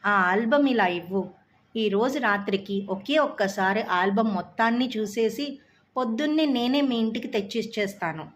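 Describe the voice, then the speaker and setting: A woman's voice: fairly high pitch, moderate pace, slight background noise, lightly acted. A woman voicing a young boy who is tearful, remorseful and generous, talking in a pleading, insistent, choked-up way. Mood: earnest.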